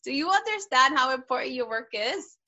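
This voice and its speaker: A woman podcast host with a bright, somewhat high voice, talking casually. She is warmly effusive and heaps praise on her guest. She speaks as a pediatrician would with a fellow physician. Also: animated, brisk, rough recording.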